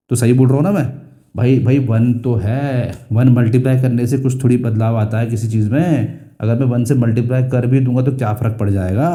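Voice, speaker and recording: This school math lesson comes from a young man with an Indian English accent and a dark-toned, mid-range voice. He keeps repeating key phrases and works through questions he asks himself.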